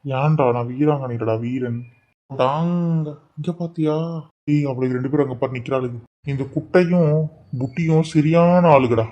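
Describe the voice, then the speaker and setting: Brief: a performer as a cocky cartoon youth, mid-pitched, bickering and boastful. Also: moderate pace, mellow, lo-fi sound, natural voice. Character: brash young man, hot-headed and boastful. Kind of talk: cartoon voice acting.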